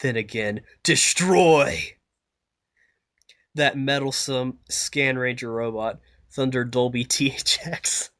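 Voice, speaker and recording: A man's voice: medium pitch, steady tone, a little slow, pushed and bright, no echo. Stuffy-nosed man stumbling through a reading. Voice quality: nasal. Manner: stumbling, self-correcting reading. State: stuffy-nosed, recovering from a cold. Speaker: podcast co-host reading aloud. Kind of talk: casual fanfic reading.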